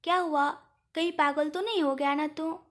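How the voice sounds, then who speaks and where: A woman voicing an affectionate young father, speaking gently in a storybook reading. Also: high voice, steady tone, moderate pace. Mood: fond. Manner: gentle, fond tone.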